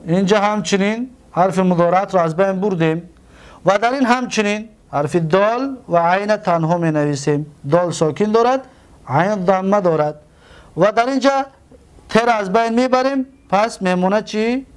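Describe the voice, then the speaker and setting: Tajik-accented male teacher, fairly high voice, walks through each step, quizzes himself aloud. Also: smooth. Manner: explains step by step, asks and answers his own questions. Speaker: Arabic grammar teacher. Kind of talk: classroom lesson at a board.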